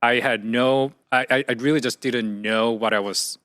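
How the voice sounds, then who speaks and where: A man's voice: mid-range voice, fairly even intonation, moderate pace, a bit bright, no echo. A young man, a guest telling his story thoughtfully in a casual interview, with many fillers and restarts. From South Korea. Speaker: guest, entrepreneur.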